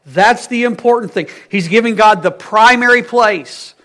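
A man preaching a sermon, stressing key words loudly and dropping to hushed phrases, asking his congregation questions. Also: high voice, normal speed. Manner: emphatic, swings between loud stresses and hushed phrases.

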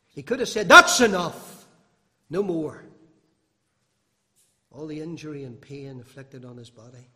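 A man preaching an impassioned sermon, his voice moving between loud and hushed, with long hall reverb. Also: mid-range voice.

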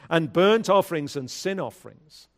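A man speaking at a pulpit microphone, a pastor leading prayer and reading scripture in a measured, solemn way. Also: on the high side, expressive. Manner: measured, solemn liturgical delivery.

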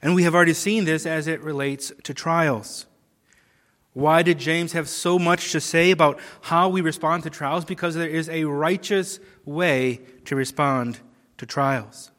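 A man preaching an expository sermon, slow and deliberate, with emphatic rises and falls. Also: on the high side, fairly even intonation, fairly bright tone, big-room sound.

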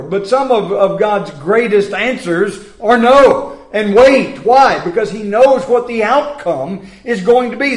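A man preaches with a fairly high voice, taking his time over every phrase. He leans on words and repeats them for emphasis, and the room around him rings with echo. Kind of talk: sermon.

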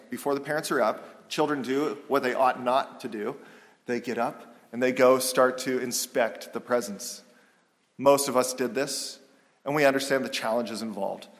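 A middle-aged man preaching a sermon as pastor, earnest and measured, rising into emphatic stresses. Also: medium pitch. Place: church sanctuary. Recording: long reverb of a hall.

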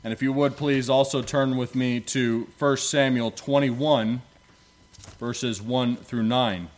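A man preaching at a pulpit microphone in a church sanctuary. He prays and reads scripture at a measured, solemn pace, using archaic biblical phrasing, with a voice of ordinary pitch. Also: fairly even intonation. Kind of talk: prayer and scripture reading in church.

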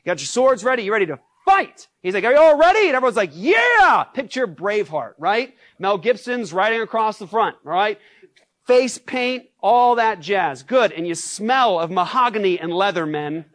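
Pastor, male, animated sermon delivery with rhetorical questions, dry sound. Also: sits high, moderate pace, dry recording. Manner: acts out shouted scenes.

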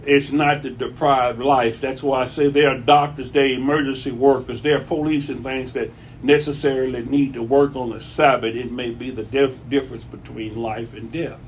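A man's voice: medium pitch, fairly even intonation, moderate pace, few pauses, a little hiss or hum. A man preaching a conversational sermon in his church, folksy and repeating phrases for emphasis. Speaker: pastor.

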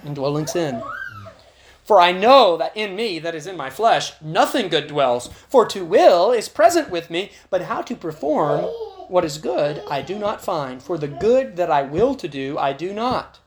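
A man's voice: sits high, sing-song, moderate pace, slight background noise. A man preaching a sermon at a church prayer meeting, earnest and growing emphatic as he reads scripture aloud. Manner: earnest, rises to emphatic when reading scripture. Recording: echoey chapel room.

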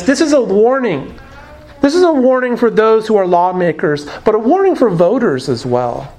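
High-voiced man preaching earnestly. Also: rough recording. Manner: earnest, emphatic preaching with rhetorical questions. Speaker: pastor. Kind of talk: sermon.

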